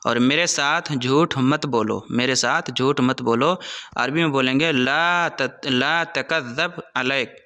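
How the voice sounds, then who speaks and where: A man teaching spoken phrases to his channel's viewers, with a bright, forceful voice. He says each phrase slowly, repeats it several times, then drops into quicker, chatty remarks. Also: mid-range voice. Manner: quick, chatty asides between drills. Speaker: Arabic teacher and channel host. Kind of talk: spoken-language lesson in Hindi.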